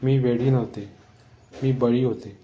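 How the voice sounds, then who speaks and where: A grieving ghost of a village woman speaks in a hushed, sorrowful tone, as a male storyteller puts her on. Her voice is low and mellow, in a spoken horror tale. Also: fairly even intonation, measured pace, slight background noise, lightly acted. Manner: quiet and sorrowful.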